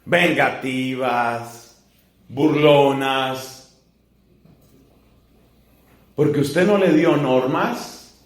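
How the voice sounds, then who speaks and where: A man preaching as a friar in a teaching sermon, building slow emphatic lists and asking rhetorical questions. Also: mid-range voice. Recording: echoey room.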